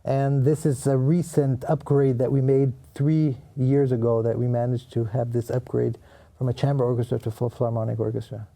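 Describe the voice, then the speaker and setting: An Italian guest violinist answers studio interview questions earnestly, his non-native phrasing slightly halting. He has a mid-range voice that is warm and creaky, with a level tone.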